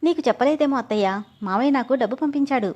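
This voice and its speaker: A woman's voice: high voice, quick pace, darkish tone, muffled recording. A woman voicing an emotional young pregnant wife in a read-aloud story. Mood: earnest. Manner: pleading, tearful.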